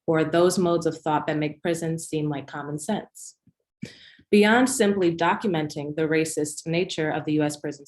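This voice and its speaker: A woman's voice: low voice, a little mellow. A young woman reading a scripted conference talk as a presenter, formal and composed. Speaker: academic presenter, doctoral candidate.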